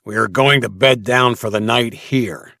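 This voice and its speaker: A man doing a gruff slaver boss barking orders. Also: medium pitch, measured pace, sharp tone, no room sound, studio quality, voice pushed up. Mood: commanding.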